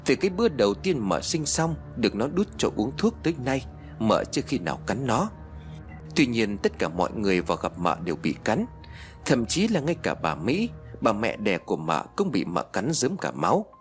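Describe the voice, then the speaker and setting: A man narrating a ghost story audiobook in a dramatic, expressive storytelling manner. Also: fairly low pitch, normal speed, faint music behind.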